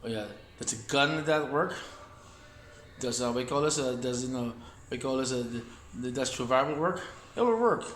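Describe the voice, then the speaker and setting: Here a medium-pitched man with a steady, fairly bright tone speaks at a moderate pace. He loosely rambles through a casual Wing Chun lesson, repeating points and talking while showing moves, in an echoey room with faint ambience and a little background noise.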